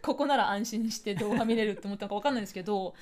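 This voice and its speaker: A woman's voice: medium pitch, very fast, darkish tone. A woman hosting a radio show in casual chat, playful and rambling, laughing often, into a studio microphone. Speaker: radio host.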